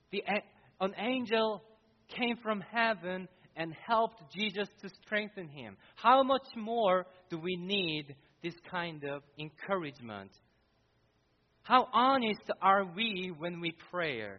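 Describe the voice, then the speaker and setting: Male pastor, high voice, earnest sermon delivery to the congregation; reverberant hall. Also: dull audio. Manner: earnest, addresses congregation directly. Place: church sanctuary.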